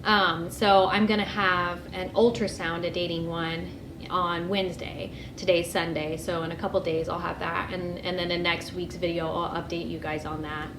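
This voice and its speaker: A woman's voice: fairly low pitch, level tone, moderate pace, roomy sound, noisy background. A young woman giving a casual vlog update, chatty with lots of ums and likes. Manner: chatty, frequent ums and likes, light laughs. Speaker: vlogger.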